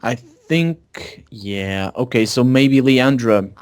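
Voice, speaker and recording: A man chats casually while playing a co-op video game, thinking out loud and frequently asking questions. His mid-range voice is smooth, with lively intonation and a slow pace.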